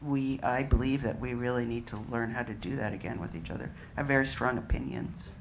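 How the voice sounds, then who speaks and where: A woman speaking as a panelist at a museum discussion, emphatic with drawn-out phrasing. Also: extremely low pitch, vocal fry, background noise. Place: museum event room.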